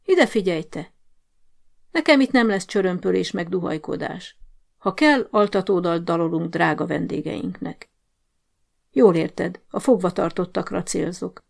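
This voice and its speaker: A woman's voice: lowish voice, gravelly. A woman voicing a bossy, scheming male prison sergeant-major who barks orders at a guard in an audiobook story. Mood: commanding. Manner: commanding, barking orders.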